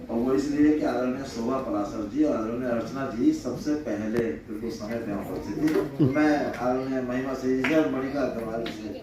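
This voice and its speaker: A man emceeing a competition, making courteous, formal stage announcements in a large hall. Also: medium pitch. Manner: courteous, honorific-laden requests. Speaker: event emcee. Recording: echoey hall from far off, noisy.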